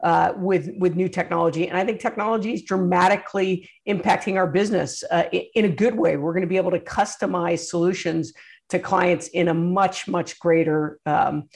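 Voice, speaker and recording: Creaky-voiced woman answering interview questions. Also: fairly low pitch, fairly even intonation, fairly quick. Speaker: interview guest, investment executive.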